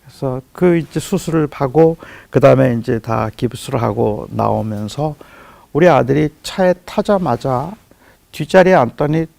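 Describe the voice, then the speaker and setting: A middle-aged man preaching a sermon, telling a personal story in a soft, hushed voice that rises to impassioned pleading. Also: mid-range voice, expressive, normal speed, gravelly, no room sound. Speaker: pastor.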